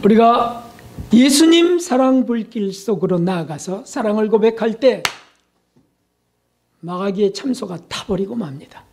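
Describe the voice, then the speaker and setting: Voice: mid-range voice, a little mellow. A preacher in full sermon mode, leaning hard on repetition and rhetorical questions. The delivery is emphatic and insistent. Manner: emphatic, rhetorical questions, repeats key words. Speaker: pastor.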